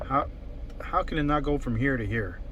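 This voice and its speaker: Guy doing a casual product test vlog, mid pitched voice, bit of car noise behind. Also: expressive, normal speed, lo-fi sound. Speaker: product reviewer. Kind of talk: casual spoken vlog commentary. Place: in or beside a car at a mall.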